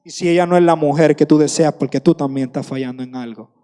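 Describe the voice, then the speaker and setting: A man's voice: a little high, fast, warm tone, big-room sound. A man in his thirties preaching a sermon with passion, repeating phrases for emphasis.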